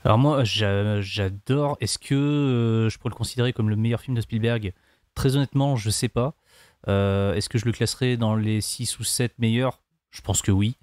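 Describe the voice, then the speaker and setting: Homme français, voix plutôt grave, parole hésitante. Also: male voice, on the low side, fairly even intonation, normal speed, darkish tone, dry recording, clean studio sound. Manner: hesitant, searching for words. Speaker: podcast panelist. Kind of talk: casual film discussion.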